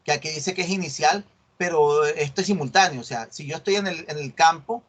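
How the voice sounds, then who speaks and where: Lively lecturer, talkative man. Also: fairly high pitch, a little fast. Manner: explains by acting out student dialogues, checks understanding often. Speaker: university lecturer. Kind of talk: online class lecture. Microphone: video call.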